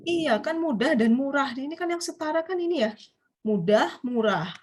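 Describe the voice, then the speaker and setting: A woman's voice: sits high, lively intonation, normal speed, a little mellow, slight background noise. A woman with an Indonesian accent teaching a Japanese grammar class online, explaining step by step and often putting questions to her students.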